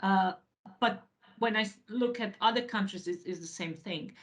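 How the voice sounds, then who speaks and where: A woman from Croatia with a Croatian accent and an average-pitched voice. She speaks spontaneously as an audience member at a webinar, pausing and restarting as she builds her comment. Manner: hesitant, halting phrasing with repeated words. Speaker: webinar participant asking a question.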